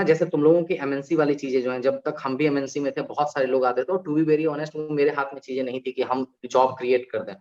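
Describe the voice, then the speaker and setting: A man, an alumni guest on a panel, talking in an animated way and explaining with examples and rhetorical questions. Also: medium pitch. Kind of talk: conversational panel talk. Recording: dull lo-fi recording.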